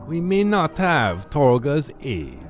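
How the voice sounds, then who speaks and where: A man's voice: fairly high pitch, big pitch swings, takes it slowly, soft background music. A man giving casual, dry-humored commentary over his video game play. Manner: dry, joking asides. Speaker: gameplay video host.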